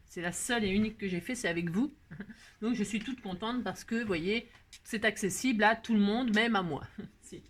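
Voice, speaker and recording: A woman hosting a casual craft tutorial, chatty and playful, teasing herself and filling her talk with fillers. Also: medium pitch. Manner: chatty, playful, self-mocking, many fillers. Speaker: crafting video host.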